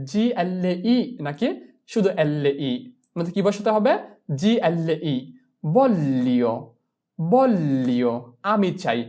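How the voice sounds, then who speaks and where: A teacher with a Bangladeshi Bengali accent giving a pronunciation lesson, spelling words letter by letter and repeating them slowly. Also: mid-range voice. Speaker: Italian teacher for Bengali speakers.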